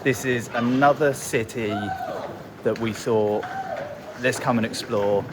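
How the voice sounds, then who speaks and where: A man's voice: mid-range voice, steady tone, slow pace. A man vlogging as he walks a city street, chatty and enthusiastic. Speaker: travel vlogger. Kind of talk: casual travel vlog chat. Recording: street traffic noise. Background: traffic and street noise.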